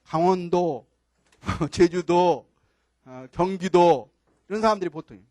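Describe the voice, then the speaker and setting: Older man, professor, classroom lecture, high voice, dry close sound, quizzes the students, repeats key words. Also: slow pace, mellow, no room sound. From Chungcheong, Korea.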